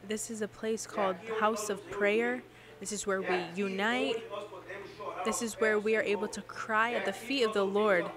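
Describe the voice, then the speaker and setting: A woman's voice: medium pitch, fairly even intonation, normal speed, crowd noise. Woman interpreting a sermon, congregation behind. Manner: preaching cadence with rhetorical questions to the congregation.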